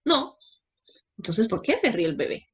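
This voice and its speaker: A woman's voice: medium pitch, very animated, a little slow, a bit bright, husky. A woman giving a talk to parents, explaining step by step and answering her own questions.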